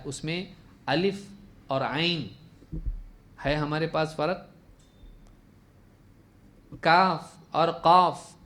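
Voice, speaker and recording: Male Islamic scholar, a touch high-pitched, religious lesson, answers his own rhetorical questions. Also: slight background noise. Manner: asks rhetorical questions and answers them himself; quotes and recites Arabic slowly to contrast letter sounds.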